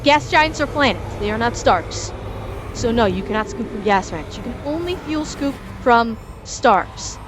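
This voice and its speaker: A woman's voice: fairly high pitch, expressive, a little slow, background noise. A woman giving a live gaming tutorial as an instructor, emphatically repeating key points and answering viewers as she goes. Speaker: instructor and host of a gaming lesson.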